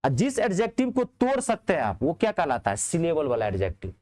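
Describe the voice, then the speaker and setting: A man teaching a grammar class in speech, asking his students checking questions and answering them himself. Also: fairly quick. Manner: lively, rising on questions and dropping low on answers.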